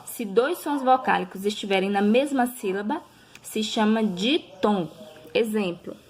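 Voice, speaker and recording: A primary school teacher records a review lesson for children, speaking slowly and patiently. She draws out example words and checks in with her listeners frequently. Her voice is mid-range and a little mellow, with a bit of hiss or hum in the recording.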